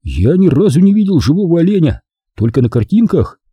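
An impulsive young partisan scout blurts out his ideas in a raised, eager voice, as a male narrator puts him on. The tone is dark and a little husky, and the lines come in excitable bursts. It is an audiobook war story. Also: fairly high pitch, a little fast, no room sound, highs cut off, pitched above the performer's own voice. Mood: excited.

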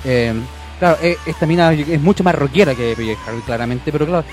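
A young Chilean man with a somewhat high voice talks easily as co-host of a radio music show. He often chimes in with quick agreement, with faint music under his voice. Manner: relaxed, agreeable, quick interjections. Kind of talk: casual radio chat about music. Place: radio studio.

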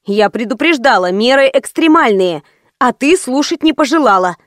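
A woman's voice: high-pitched, lively intonation, no echo, clean studio sound. A woman voicing a flustered young female friend who chatters eagerly and fusses to please, in an audiobook reading. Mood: reproachful. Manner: fussy, quick, eager to please.

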